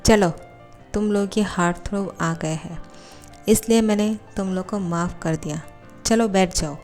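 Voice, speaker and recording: A woman's voice: mid-range voice, measured pace, darkish tone, soft background music, lightly acted. A woman voicing an arrogant young male college student who scolds and threatens, in a storybook reading. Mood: angry.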